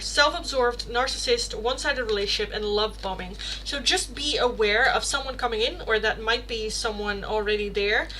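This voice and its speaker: With a slightly high, pushed and bright voice, a young Rotterdam-accented woman casually reads tarot on a Dutch livestream, rambling through chat questions with lots of fillers and self-corrections in a chatty manner. There's a little hiss or hum in the audio.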